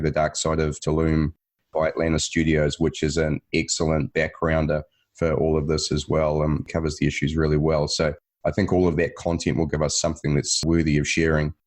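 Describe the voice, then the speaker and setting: A man's voice: a bass voice, a little mellow. A man hosting a podcast, chatting in a friendly, upbeat way with his guests. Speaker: podcast host. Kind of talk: casual interview chat.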